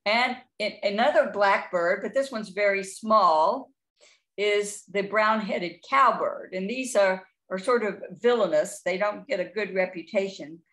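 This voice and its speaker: A woman's voice: mid-range voice, measured pace, a bit bright. A middle-aged woman, giving a chatty, informal talk on identifying birds, with frequent restarts. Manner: chatty, with frequent restarts and playful bird imitations. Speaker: birding presenter.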